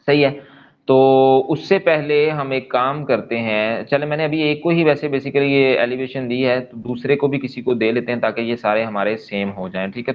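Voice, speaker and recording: A man's voice: medium pitch, lo-fi sound. A man giving a step-by-step screen-share coding lesson, checking in often with his listeners. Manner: explains step by step, checks in often with "theek hai?". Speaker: programming instructor.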